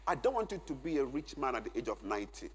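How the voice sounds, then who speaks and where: A man's voice: medium pitch, big pitch swings, fast, breathy edge. A middle-aged man giving an emphatic teaching at a church men's conference, repeating key phrases so listeners can take notes. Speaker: conference speaker. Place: large church hall. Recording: long hall reverb.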